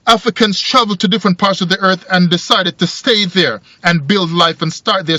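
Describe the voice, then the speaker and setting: Here a Jamaican-raised video commentator in his forties talks casually to camera from a parked car, rambling and repeating himself as thoughts come. His voice sits high, pushed and bright. The sound, taken by a dashboard phone or camera, is dull and lo-fi in the car, with no echo.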